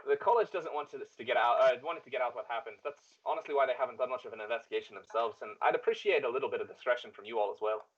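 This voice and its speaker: Man playing a discreet college employer, measured, hesitant, middling pitch, dull lo-fi sound. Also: breathy edge, lightly acted. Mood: guarded.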